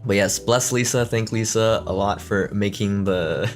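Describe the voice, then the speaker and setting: A man with a lowish voice talks casually to his viewers as he hosts a stream. He laughs often and trips over his words now and then. Faint music plays behind him. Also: unhurried. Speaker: streamer host. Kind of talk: casual chat reading fan questions. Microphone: desk mic.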